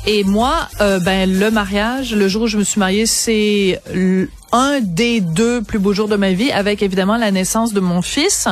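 A woman's voice: mid-range voice, normal speed, soft background music. A woman with a Québécois accent hosting a radio interview, chatty and effusive with personal asides. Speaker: radio host.

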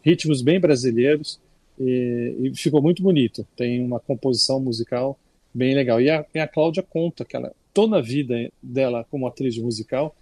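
Speaking at medium pitch without echo, the older Brazilian man talks about culture on a radio segment. His manner is easygoing and chatty, with many restarts, in Brazilian Portuguese.

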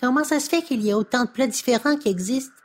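A bright, slightly high young boy from a children's TV show, full of eager questions as a woman acts him out. He sounds cheerful and wide-eyed, always keen to learn something new. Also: quick pace. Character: curious cheerful young boy puppet host. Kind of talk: children's TV dialogue.

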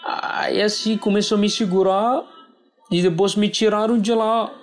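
A man whose first language is Arabic, telling a painful personal story in plain, halting phrasing as an interview guest. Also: high-pitched, steady tone, faint music behind. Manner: simple, halting non-native Portuguese phrasing.

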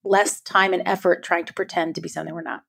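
A woman's voice: on the low side, level tone, fast talker, gravelly, a bit bright, breathy edge. A middle-aged woman, a guest author, speaking earnestly in a podcast conversation, often checking in with "right?". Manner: earnest, emphatic, frequent "right?" tags.

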